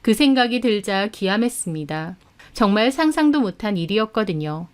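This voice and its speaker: A woman's voice: medium pitch, animated, normal speed. A woman narrating a first-person drama story in an indignant, dramatic tone.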